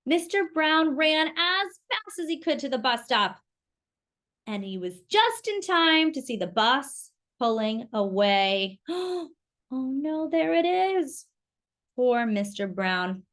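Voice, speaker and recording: At storytime, a woman reads a picture book aloud to young children, speaking slowly in a high-pitched voice. She's expressive and exclamatory, adding chatty asides and questions.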